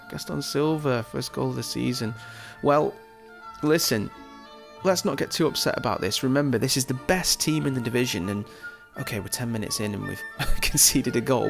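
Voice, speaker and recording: A man giving chatty, excitable let's-play commentary over a football management game, reacting loudly to the match. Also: mid-range voice, vocal fry. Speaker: gaming YouTuber.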